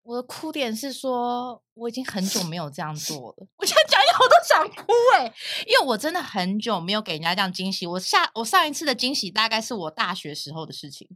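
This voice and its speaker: A quick-talking woman tells a story as a podcast guest. Her voice is bright and a little high, and her pitch swings widely. She laughs often as she talks. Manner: lively, laughs often while recounting. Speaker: guest, talent agent. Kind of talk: casual chat, animated storytelling.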